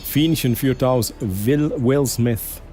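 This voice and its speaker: Slow-talking Swiss streamer man. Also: medium pitch, dark tone, soft background music. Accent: Swiss German. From Switzerland. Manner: chatty, talks to chat, slips into English exclamations. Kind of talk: casual live-stream chat while gaming.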